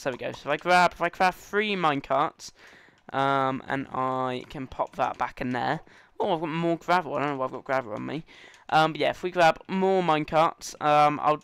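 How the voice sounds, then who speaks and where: A gaming channel host delivers casual let's-play commentary, excitable and playful as he chats with other players during the session. His slightly high voice is smooth and clear, captured in a close, dry recording with no echo.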